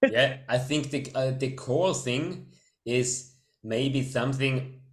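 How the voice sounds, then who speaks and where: A man asking hesitant questions on a video call, often starting with a drawn-out "uh". His voice is mid-pitched, and his room adds a noticeable echo.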